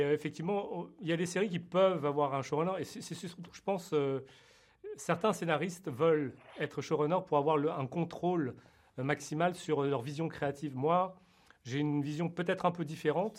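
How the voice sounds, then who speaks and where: A man's voice: on the high side, a little fast. A French-born man who created a TV series, answering interview questions hesitantly with many fillers and restarts. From France.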